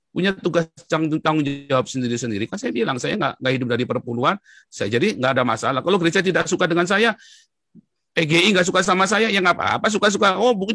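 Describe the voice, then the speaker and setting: Fast-talking excitable Indonesian man. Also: no echo, clean studio sound. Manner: excitable, with sudden jumps in pitch and frequent address to the listener. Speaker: interviewee. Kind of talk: animated storytelling in an interview.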